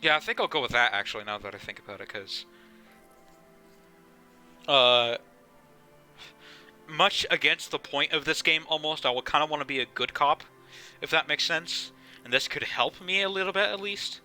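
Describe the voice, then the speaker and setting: A young man with a very bright, forceful voice, streaming a game live and rambling casually. He swears now and then while he thinks aloud. Faint game music plays behind him. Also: on the high side, lively intonation, moderate pace, pauses often. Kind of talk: casual live gameplay commentary.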